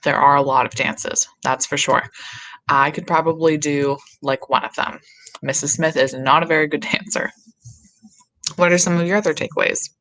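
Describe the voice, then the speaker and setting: Low-voiced woman teaching an online class. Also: steady tone, moderate pace, a bit bright. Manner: friendly, self-deprecating, asks questions. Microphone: video call.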